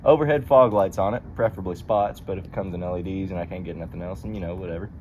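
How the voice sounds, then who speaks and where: In a low, slightly mellow voice, this fast-talking vlogger chats casually to camera about his vehicle from in and around a truck. He rambles in a folksy, colloquial way, using words like "ain't" and "them." The recording is dull and lo-fi, with vehicle noise plus car and outdoor ambience.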